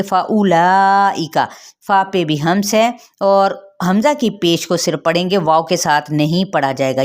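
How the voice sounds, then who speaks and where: Woman, Pakistani Urdu accent, tajweed teacher, lowish voice, step-by-step explanations. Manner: explains rules step by step, recites verses slowly. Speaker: Quran recitation teacher. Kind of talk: tajweed lesson with recitation.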